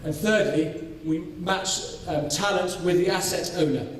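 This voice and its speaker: Man presenting at a conference, fairly high voice, hesitant with fillers, heard from far off in a big echoing room. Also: slight background noise. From North Wales. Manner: measured, with frequent ums and restarts. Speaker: farming scholar presenting his study. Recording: echoey hall, voice from far off.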